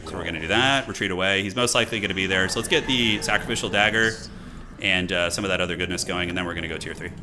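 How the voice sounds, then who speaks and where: A man's voice: low voice, racing, background noise. A man giving casual, slangy live commentary on his own game, talking through his moves with some mild swearing. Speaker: gaming streamer commentating own match.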